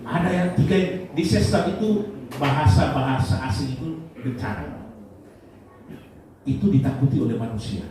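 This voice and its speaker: A man's voice: normal speed, pauses often. Preaching man in an echoey church. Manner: animated preaching, swings between loud emphatic and low asides. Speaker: pastor. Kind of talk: sermon. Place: church hall. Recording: echoey church hall, mic at a distance, light noise.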